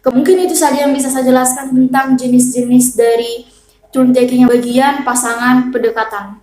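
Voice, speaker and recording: A woman student gives a class presentation in a hesitant way, leaning on filler sounds between phrases. Her voice sits a little high. The sound is roomy and echoing. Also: fairly even intonation, brisk, mellow. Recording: echoey room.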